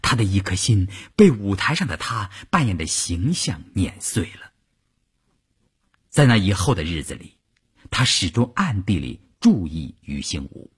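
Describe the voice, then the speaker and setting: Guy reading an audiobook, really husky voice, pitch all over the place. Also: measured pace. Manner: animated storytelling. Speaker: narrator. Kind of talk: audiobook narration.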